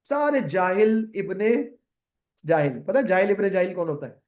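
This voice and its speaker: Animated high-voiced male lecturer. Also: moderate pace. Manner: animated, rhetorical questions, mixes English terms into Urdu. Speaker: accounting lecturer. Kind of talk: classroom lecture with side rant.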